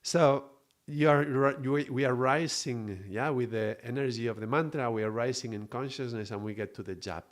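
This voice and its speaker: A man from Mallorca, teaching on a spiritual live stream in an unhurried, reflective way and greeting viewers. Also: medium pitch. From Mallorca, Spain. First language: Spanish.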